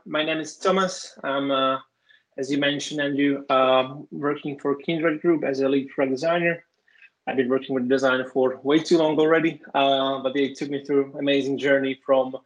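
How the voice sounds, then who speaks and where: Flat-voiced man from Slovakia. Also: mid-range voice, low-quality recording. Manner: friendly, slightly non-native phrasing. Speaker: lead product designer. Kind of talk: casual podcast chat.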